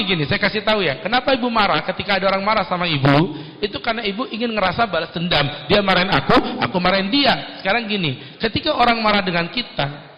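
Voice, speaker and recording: A male preacher giving a lively, joking Islamic sermon at a company event in a ballroom. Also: sits high. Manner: lively, joking, plays many voices. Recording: echoey ballroom through dull PA.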